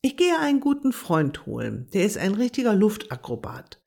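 A clever little dormouse girl with a bright, raised voice, as a storyteller puts her on. She sounds eager and quick-witted. This is a storybook reading. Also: mid-range voice, wildly swooping pitch, vocal fry, voice pushed up, full character voice.

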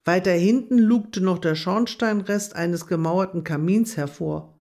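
A storyteller reading a children's story aloud in a gentle, expressive way. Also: medium pitch, a little slow.

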